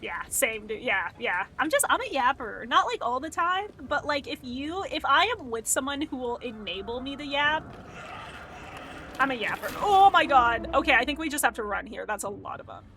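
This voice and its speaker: Bright chatty woman streamer. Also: high voice, very animated, moderate pace, slight background noise. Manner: rambling, swears casually, laughs a lot. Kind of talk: casual gameplay chat.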